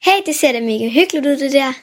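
A man's voice: very high-pitched, fairly bright tone, pitched above the performer's own voice. A man voicing an eager young girl in a children's story.

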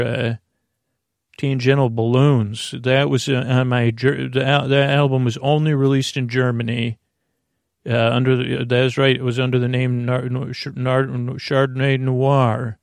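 A sleep podcast host delivers a rambling bedtime monologue in a slow, creaky, mid-range voice, drifting into gentle tangents, joking softly, and interrupting himself to restart sentences. The studio-quality recording has no room sound.

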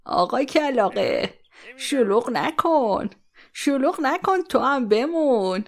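A kind old village grandmother in a children's audio story, voiced by a woman, gravelly and a little high. She coaxes and soothes her guests in a motherly way. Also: lively intonation. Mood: gentle. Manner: soothing, coaxing, calls everyone dear. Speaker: voice actor.

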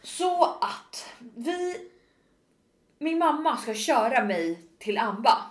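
Animated young woman telling a wild story. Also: sits high, roomy sound. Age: 20s. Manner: animated, swearing, acts out quotes. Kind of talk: casual storytelling chat.

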